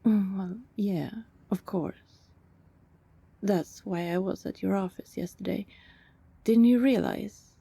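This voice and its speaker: In an ASMR roleplay, a woman plays a female vampire who is anxiously, persistently in love with her neighbor. Her mid-range voice is soft, dark and exaggerated, with a breathy, creaky edge, pleading in halting phrases that often drop toward a whisper. The mood is tender and hesitant.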